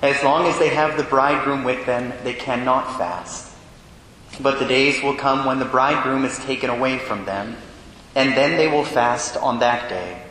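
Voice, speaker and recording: A priest reading the Gospel and preaching a homily in a measured way, with rhetorical questions, his voice in a cathedral echo inside a large church. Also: fairly even intonation, fairly bright tone, a little hiss or hum. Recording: booming long reverb in a large church.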